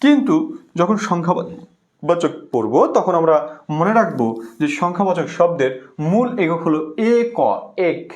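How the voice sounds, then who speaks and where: A man teaching an online class, his voice sitting high and swinging widely in pitch. He drills key words by repeating them and keeps prompting students to comment and answer. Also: sing-song, a little slow.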